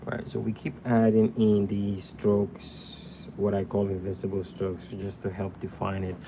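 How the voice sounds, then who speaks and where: A young man from Ghana hosts a live drawing tutorial, sketching at a desk indoors and chatting casually with viewers. His voice is fairly low, monotone and unhurried, with background noise behind it.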